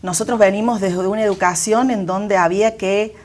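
A woman's voice: medium pitch, steady tone, a little fast, darkish tone. Thoughtful Argentine woman with many fillers. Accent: Argentine Spanish. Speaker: school director, guest. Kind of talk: reflective interview answers.

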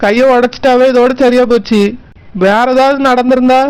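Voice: medium pitch, normal speed, smooth, lightly acted, poor audio. A performer voicing a concerned male relative advising a young man, in a Tirunelveli accent. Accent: Tirunelveli Tamil. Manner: advising, calm.

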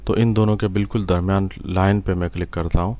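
A young Pakistani man with an Urdu accent and a very low, smooth, resonant voice walks the viewer through a software tutorial at his desk. He speaks patiently, step by step, pausing on fillers and checking in with the viewer as he works. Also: steady tone. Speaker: software instructor. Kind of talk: screen-recorded tutorial.

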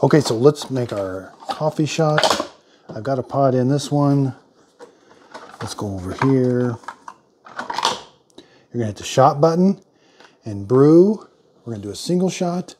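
A man's voice: medium pitch, animated, measured pace, long pauses, background noise. A middle-aged man giving a casual hands-on product demo in his home kitchen, thinking aloud in a plain-spoken way as he works. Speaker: product reviewer.

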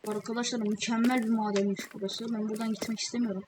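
A woman giving casual gameplay commentary, chatty and excitable, with slangy asides to her viewers. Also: a little high, fast. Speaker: gamer. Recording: loud background noise with clicks.

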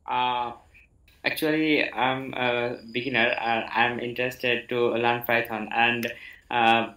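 A man from Bangladesh, a beginner speaking in a hesitant, earnest, halting way on a video call. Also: mid-range voice, little pitch movement, pushed and bright. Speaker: beginner participant. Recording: roomy echo.

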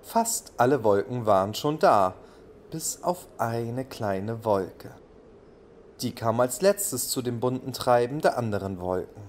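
A man narrating a children's bedtime audio play in a calm, gentle storytelling manner. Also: medium pitch, slow pace, slight background noise.

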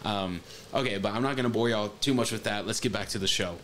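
A man's voice: fairly low pitch, fast talker, a bit bright, a little hiss or hum. A man on a webcam stream reacting to a games showcase in casual, hesitant talk full of fillers and restarts. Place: home room, seated at webcam.

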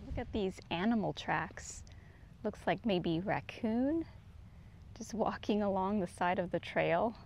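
Gravelly and darkish in tone, her medium-pitched voice moves unhurriedly as she narrates a walk along a forest trail. The middle-aged vlogger is easygoing and descriptive, pointing things out as she goes. Faint outdoor noise can be heard, and her handheld camera is often held at a distance.

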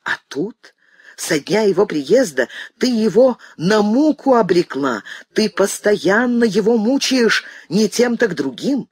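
A woman reader lowers her voice for a weary, anguished grown son in an audiobook, pleading and bitterly accusing. The voice is husky with lively pitch. It sounds close and dry. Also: slow pace, no room sound, exaggerated voice. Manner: pleading, restrained, then bitter.

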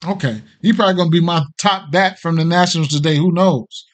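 Slightly high and a bit fast, the voice belongs to a middle-aged American man running a laid-back betting livestream. His off-the-cuff talk is hesitant and meandering, heavy on slang and cursing.

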